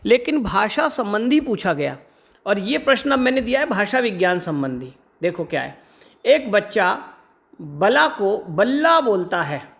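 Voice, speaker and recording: A man's voice: high-pitched, vocal fry, fairly bright tone. A man teaching an exam-prep lecture. He explains step by step and often checks in with rhetorical questions. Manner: stretches words slowly to demonstrate pronunciation. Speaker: Hindi teacher.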